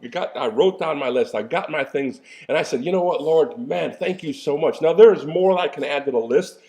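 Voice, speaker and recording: Speaking at a normal pace in a fairly high, mellow voice, this sixty-something coach and pastor offers an easygoing pep talk. Folksy, sermon-like asides pop up throughout, and he coughs occasionally.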